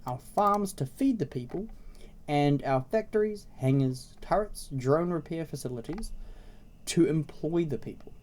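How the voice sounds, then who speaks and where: A man hosts a casual game tutorial in a mellow, slightly raspy voice. He has a cold and sounds a bit congested. His delivery is informal and explanatory, with frequent little check-ins to the viewer. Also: a little high, expressive, unhurried. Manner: informal, explanatory, often checking in with "okay?" and "right?". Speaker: video host introducing a browser game series.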